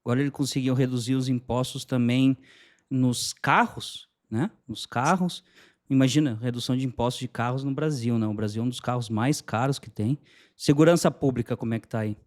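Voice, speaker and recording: A man's voice: mid-range voice, steady tone, brisk, a little mellow. Conversational man. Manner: conversational, asks short questions. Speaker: interview host. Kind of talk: interview questions.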